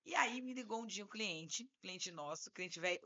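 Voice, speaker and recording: A woman's voice: mid-range voice, expressive, moderate pace, sharp tone. A woman with a Brazilian Portuguese accent, a criminal defense lawyer co-hosting a podcast, telling a story and acting out both sides of a phone call.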